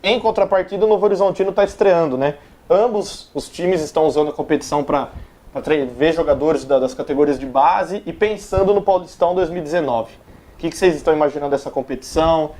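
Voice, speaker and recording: A man hosts a studio sports chat, chatty and loose as he reads out viewer comments. His voice sits a touch high yet sounds mellow and dark. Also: fast. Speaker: sports show host.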